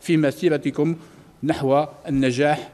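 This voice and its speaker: A man in his forties delivers a formal prepared speech from notes in a measured, official cadence. His voice sits a little high for a man, and he talks at a brisk clip. The sound carries a long reverb from the big banquet hall. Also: steady tone, dark tone. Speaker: ministry official giving a speech. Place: large hotel banquet hall, indoors. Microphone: cluster of press microphones on a lectern.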